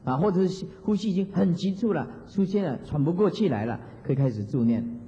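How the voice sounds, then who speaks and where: A man's voice: on the high side, expressive, brisk, dark tone, slight background noise. A male Buddhist monastic teacher giving a dharma talk, chanting examples and chuckling often. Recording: dull lo-fi hall recording.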